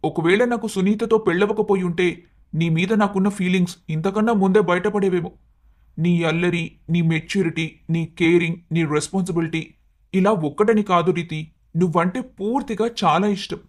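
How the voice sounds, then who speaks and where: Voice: mid-range voice, steady tone, normal speed, natural voice. Someone voicing an earnest, hot-tempered young husband. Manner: pleading, emotional. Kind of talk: Telugu storybook cartoon dialogue.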